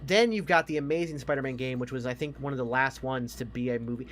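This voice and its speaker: In a relaxed podcast conversation about games and movies, a male co-host gives strong opinions and curses without restraint. His mid-range voice is fast and fairly bright, with slight background noise.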